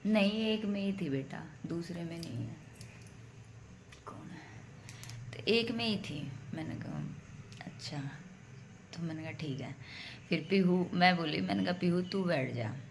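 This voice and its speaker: Low, gravelly woman telling a home story. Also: slight background noise. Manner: chatty, addresses viewers as bhai. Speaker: vlogger. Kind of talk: casual storytelling vlog.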